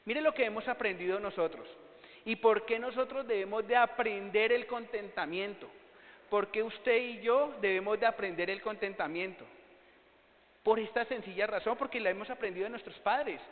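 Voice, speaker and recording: A high-pitched man preaches to his congregation. His voice rings with a long reverb, and the sound is thin and phone-like. He keeps asking rhetorical questions and answering them himself. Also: moderate pace. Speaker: pastor. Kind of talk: sermon.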